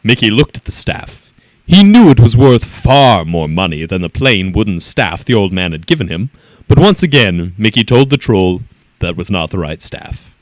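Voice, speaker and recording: A man reading a children's story aloud in an expressive, animated way. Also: lowish voice, moderate pace, dry recording.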